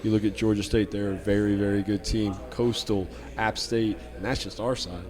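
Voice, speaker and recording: At a hotel media event, a low-voiced man who coaches college football talks candidly at a moderate pace with flat delivery. His speech is full of repeated and restarted words, and his voice can turn loud when needed.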